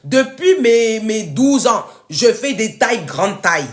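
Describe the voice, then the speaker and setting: A woman life coach with a big, commanding voice, talking live to her followers and urging them on loudly and emphatically. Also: on the high side, very animated, unhurried. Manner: loud, emphatic, scolding and exhorting viewers. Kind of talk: live stream talk to followers.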